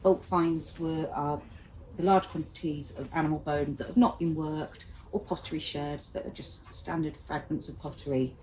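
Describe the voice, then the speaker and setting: A woman, the finds manager at a dig, explaining her work in a steady, practical way. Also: sits low, normal speed. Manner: steady and practical, with some fillers. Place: outdoor excavation site. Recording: noisy outdoor recording.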